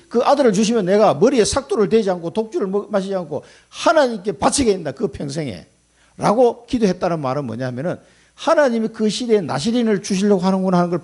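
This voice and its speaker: Gravelly, husky-voiced male pastor preaching. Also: high voice. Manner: emphatic, folksy preaching with sudden loud and soft swings. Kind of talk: sermon.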